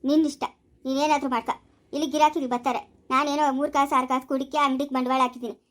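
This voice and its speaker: A woman's voice: high-pitched, little pitch movement, fast talker, a bit bright. A woman playing a stern village shopkeeper mother. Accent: rural Kannada of the Chikkaballapur area. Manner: scolding, blunt, dismissive. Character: stern older mother running a small village shop. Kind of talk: amateur family skit acting.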